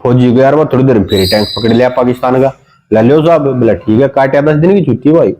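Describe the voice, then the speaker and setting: A man's voice: medium pitch, quick pace, dark tone, rough recording. A man with a Haryanvi accent telling comic village stories in dialect, slipping into sing-song voices for the people in his jokes. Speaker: comedian.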